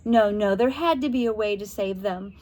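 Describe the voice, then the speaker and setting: Reading aloud from a spooky children's novel, a storybook reader with a mid-range voice narrates with drama, building suspense through expressive, deliberate phrasing.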